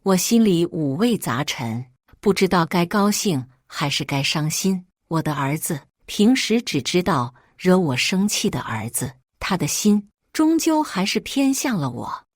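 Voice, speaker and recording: A woman narrating a first-person family drama story in an emotive, expressive way. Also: fairly low pitch, unhurried, few pauses, no room sound, studio quality.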